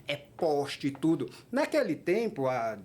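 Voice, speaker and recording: Husky-voiced Brazilian man, forties, podcast guest; animated anecdotes with acted-out dialogue. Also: a little high, unhurried. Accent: Brazilian Portuguese. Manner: animated, acts out dialogue in his stories. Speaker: podcast guest, workplace safety technician. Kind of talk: anecdotal storytelling in a podcast interview.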